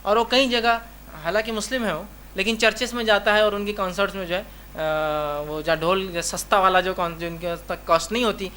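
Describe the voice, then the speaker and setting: Guy preaching, bright sharp voice, hammers his points home, acts out little back-and-forths, faint hum behind. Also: high voice, fairly even intonation. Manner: emphatic, keeps repeating "remember"; acts out dialogues in his examples. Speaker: Islamic preacher. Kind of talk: religious lecture.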